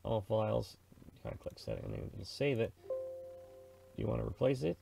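Over music, a middle-aged Canadian man narrates a casual screen-recorded radio software tutorial, thinking out loud in an informal, slangy style. His lowish, gravelly voice swings hugely in pitch and runs a little fast.

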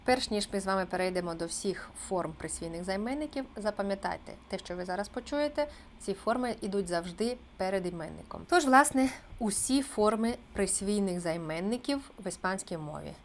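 A woman teaching a beginners' language lesson on video, explaining patiently and slowing down to repeat example phrases. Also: medium pitch, expressive, a little hiss or hum. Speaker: Spanish teacher.

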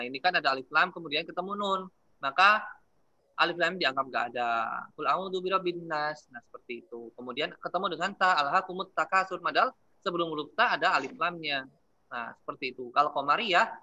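Bright-voiced young man teaching. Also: on the high side, dull audio. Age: 20s. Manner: casual, chatty, asks students questions. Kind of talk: classroom religious lesson with storytelling.

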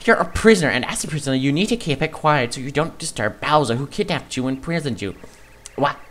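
A man's voice: on the high side, animated, fast talker, pitched above the performer's own voice. A man voicing a fussy, bossy castle guard in a game let's play. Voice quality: loud, bossy.

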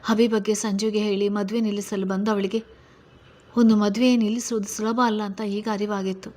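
Woman reading a story in a flat voice. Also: medium pitch. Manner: steady, measured reading. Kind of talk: storybook narration.

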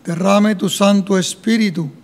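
A middle-aged or older man reading and praying solemnly as a clergyman, in measured declamatory phrases, with a church echo. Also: high-pitched, steady tone. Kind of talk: solemn liturgical reading and prayer. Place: church sanctuary at a lectern microphone, congregation present.

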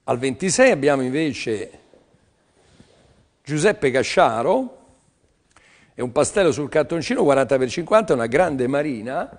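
A man's voice: mid-range voice, very animated, measured pace, long pauses. An older man hosting a live art sale on television, talking in a chatty, teasing, rambling sales patter. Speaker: TV art auction seller.

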